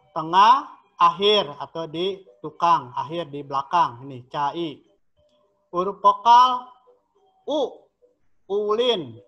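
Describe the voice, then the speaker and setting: A man with a high, bright voice explains a lesson at an unhurried pace. He draws out each sample word carefully, as if for young students. The audio is dull and lo-fi, with a little music in the background. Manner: slow, drawn-out modelling of each syllable. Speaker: teacher.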